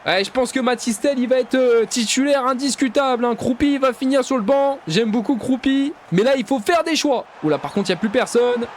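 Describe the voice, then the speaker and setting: Excitable young man commentating a football game. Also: very high voice, brisk, few pauses, a little hiss or hum. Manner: excitable, swings from mumbling asides to loud cheering; addresses viewers as "les gars", slangy and joking. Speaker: gaming YouTuber. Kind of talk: casual gameplay commentary.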